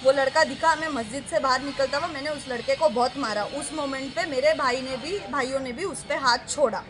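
A woman in her thirties giving an on-street interview, telling her account forcefully and emphatically. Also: high voice, brisk. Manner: forceful, indignant, emphatic retelling. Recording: noisy street ambience.

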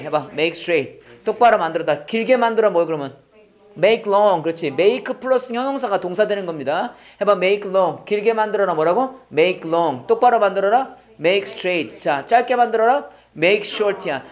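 A man, a pastor, teaching Bible memorization in English. He recites verses very slowly for repetition and quizzes his students with quick questions in between. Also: high-pitched. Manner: slow drilled English recitation between quick Korean explanation. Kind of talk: call-and-response Bible English lesson.

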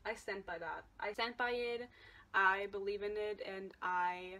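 A woman's voice: medium pitch, fairly even intonation, unhurried, bright, forceful tone. A young woman giving a casual, exasperated and emphatic book reaction vlog from her bed, recorded at about arm's length. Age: young adult. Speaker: book vlogger. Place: bedroom, lying or propped on bed.

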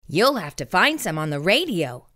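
A middle-aged woman reading aloud to young children in an expressive storytime voice, as a children's host. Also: on the low side, normal speed.

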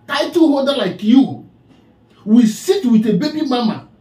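A man with a Nigerian accent lectures and scolds in a strikingly high voice that swoops up and down. His tone is mellow rather than bright. It sounds like a roomy, echoey space. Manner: preachy and scolding, repeats the name he addresses. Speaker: online commentator. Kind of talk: scolding commentary monologue.

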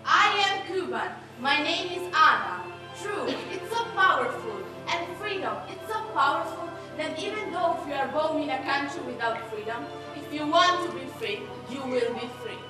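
A woman's voice: high voice, lively intonation, moderate pace. A woman giving an earnest, encouraging theatrical monologue. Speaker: stage performer. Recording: echoey theater from far off, music and audience.

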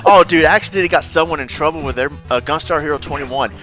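Animated laughing man hosting a chat. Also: a little high, quick pace, faint music behind. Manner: animated storyteller, laughs often, acts out quotes loudly. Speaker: podcast host. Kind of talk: casual interview chat.

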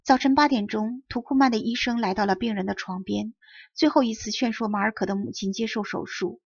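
A woman teacher narrating a children's audiobook in a steady, expressive storytelling manner. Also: on the high side, a little fast, vocal fry, husky, no room sound. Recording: dull lo-fi audiobook recording.

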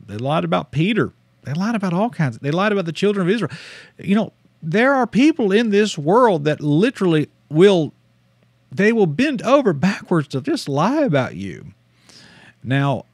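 A man's voice: medium pitch, a little mellow, no echo. A man in his thirties with a Southern American accent, preaching casually on a livestream, folksy and self-deprecating, often laughing at himself. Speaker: missionary preacher. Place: small studio with purple-lit shelves. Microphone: studio desk mic.

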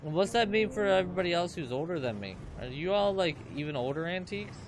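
A man's voice: high voice, lively intonation, fast talker, a little hiss or hum. Joking young man doing gameplay commentary. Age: 20s. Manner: joking, rambling banter with viewers. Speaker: let's play host.

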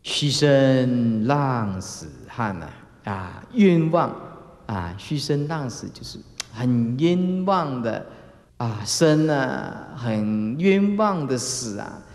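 A man giving a Buddhist sermon as a dharma master, full of filler sounds and acted-out calls. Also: slow. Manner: animated, acts out examples with sudden high calls; frequent filler particles like "ah" and "eh". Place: lecture hall. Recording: roomy lecture hall reverb.

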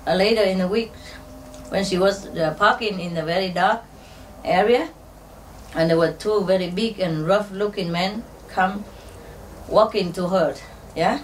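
A woman telling jokes and stories to an audience in a halting, unhurried way, with many fillers. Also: medium pitch. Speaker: spiritual teacher telling jokes. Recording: distant mic with faint ambient noise.

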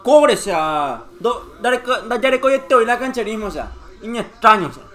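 A young man reacts to a football match, cheering players and shouting at each chance. His voice sits very high and swings widely in pitch. The tone is bright and sharp. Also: lively intonation, moderate pace.

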